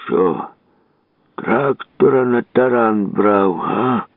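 A man voicing a grumbling old grandfather who scolds in a gruff, drawn-out way, heard over a tinny radio broadcast. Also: on the low side, expressive, dry recording, heavily acted.

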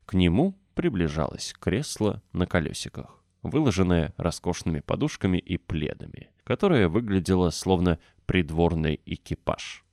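Man, audiobook narration, very low voice, dry close sound, expressive. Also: creaky, no echo.

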